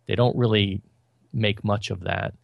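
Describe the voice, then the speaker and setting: Guy with a low gravelly voice rambling through a movie review, opinionated, dry close sound. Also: steady tone, measured pace, dry recording, lo-fi sound. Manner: opinionated, critical; loose, rambling delivery. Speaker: podcast co-host reviewing films. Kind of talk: casual film review chat.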